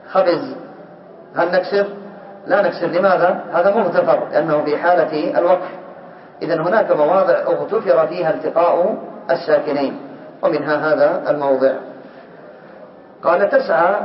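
In an echoey room with muffled, lo-fi sound, a male teacher with a fairly high voice runs a grammar lesson. He asks the class questions, calls on students by name, and slowly repeats word forms.

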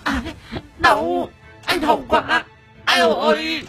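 A squealing little ghost, very high and piercing, bright and sharp, cowardly and panicky, storybook audio drama. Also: male voice, fairly even intonation, very slow, soft background music, heavily acted. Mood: pained. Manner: shrill pleading cries. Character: whimpering small shadow ghost, cowardly and panicky.

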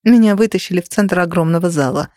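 A woman's voice: on the low side, quick pace, darkish tone, no room sound, clean studio sound. Wry woman reading first-person fiction. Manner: wry, self-mocking storytelling. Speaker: audiobook reader. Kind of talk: first-person novel narration.

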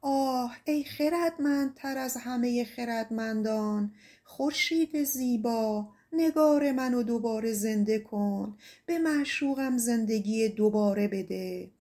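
A lovesick young shepherd on a desperate quest, voiced by a woman narrator. He calls out and pleads with raised, earnest feeling. The voice is fairly high and clean, as in a storybook recording. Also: a little mellow, close to an everyday voice. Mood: calling out.

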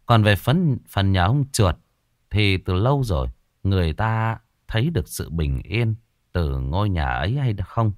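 A man narrating a ghost story in an expressive storytelling manner. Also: fairly low pitch, normal speed, no room sound, clean studio sound.

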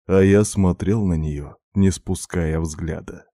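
A man narrating first-person fiction as an audiobook narrator, in a measured, darkly intimate way. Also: deep voice, fairly even intonation, warm tone, dry recording, clean studio sound.

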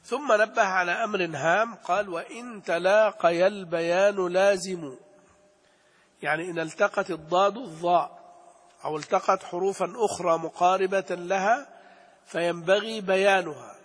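A man teaching a lesson on Quran recitation, slowly explaining and repeating key phrases, chanting verses. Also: sits high, fairly bright tone, husky, in a large hall. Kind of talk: religious lesson on tajweed.

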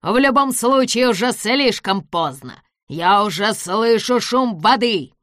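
A woman voicing a vengeful, gloating little old man who shouts and cackles in an audiobook. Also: medium pitch, normal speed, no room sound, studio quality, close to an everyday voice. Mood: taunting.

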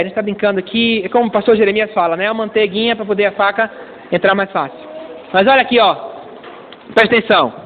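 Brazilian male pastor, middle-aged, high voice, joking sermon style, tinny recording with long hall reverb. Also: a little hiss or hum. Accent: Brazilian Portuguese. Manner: playful, acts out little dialogues, calls for amens. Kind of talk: lively humorous sermon.

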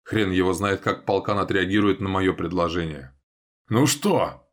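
A man's voice: low-pitched, steady tone, moderate pace. A man narrating a first-person audiobook in a tense, dramatic way.

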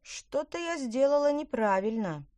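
A woman reading a storybook, voicing an excitable young female witch who speaks high and loud and chants spells slowly. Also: dry recording. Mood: fretful.

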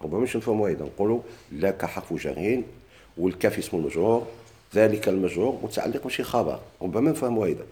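Moroccan man teaching grammar, low mellow voice. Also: animated, fast talker. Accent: Moroccan Arabic. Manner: asks questions and answers them himself, repeating key words. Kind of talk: classroom lesson explaining a grammar text.

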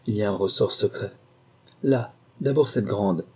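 A man's voice: on the low side, moderate pace, dark tone, husky. A man reading a story, voicing a scheming, sarcastic wife who mocks and goads a burglar. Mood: haughty. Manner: cold, mocking, haughty.

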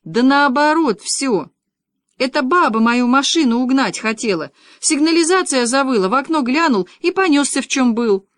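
A woman voicing an angry middle-aged man who yells rude, indignant accusations in an audiobook. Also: a little high, very animated, moderate pace, no room sound. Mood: yelling indignant.

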